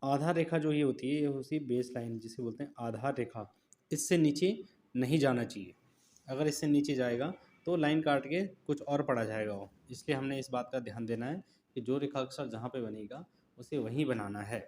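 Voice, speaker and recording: Male shorthand teacher, mid pitch, slow repetitive dictation while writing. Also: darkish tone, slight background noise. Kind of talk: step-by-step writing lesson.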